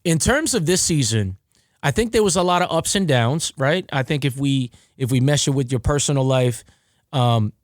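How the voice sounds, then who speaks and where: A man's voice: mid-range voice, expressive, moderate pace, dry recording, studio quality. A man hosting a casual podcast conversation, talking reflectively like a mentor and asking his guest leading questions. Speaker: podcast host and referee.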